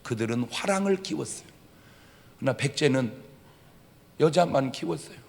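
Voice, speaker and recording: A middle-aged pastor from Chungcheong, Korea, speaking with a Chungcheong Korean accent, delivers a funny Sunday sermon in a church sanctuary, animatedly acting out conversations in regional dialects for laughs. His voice is medium in pitch and creaky, at a moderate pace, with a little hiss or hum. The recording carries the reverberation of the church hall.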